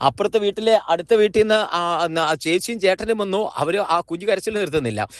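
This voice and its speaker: A preacher gives a devotional morning sermon in a high, brisk voice, repeating and restating his phrases with small slips and corrections. The recording is dry.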